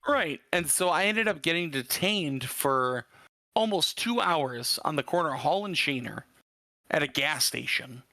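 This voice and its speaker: A man's voice: a little high, lively intonation, unhurried, bright, forceful tone, dry recording. A man from Michigan, a podcast guest, telling a story in a rambling way with lots of fillers and casual swearing. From Michigan, USA.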